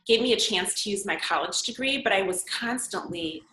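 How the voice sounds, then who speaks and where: Speaking over a remote call from an echoey room, this podcast guest, a makeup artist and model in her forties whose native language is Serbian, gives conversational interview answers. She is earnest and reflective, often pausing on fillers, and her bright, forward, mid-range voice is expressive.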